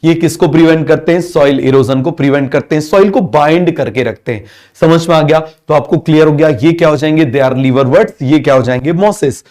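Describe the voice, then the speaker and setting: A man with a fairly high, darkish voice teaches biology at a fairly quick pace. He constantly quizzes the class, has students say answers back, and switches English terms into his Hindi.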